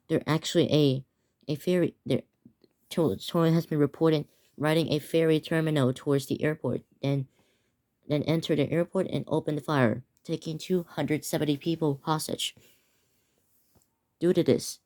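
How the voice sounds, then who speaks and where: A teenage boy with a fairly high, slightly mellow voice improvises a mock emergency broadcast. Reading out the alert, he keeps stumbling and restarting his words.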